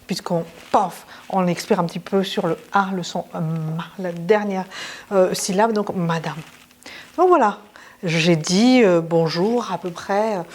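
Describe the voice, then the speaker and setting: A woman's voice: medium pitch, a little mellow. A woman teaching a language lesson in a casual, chatty way, with many fillers and restarts.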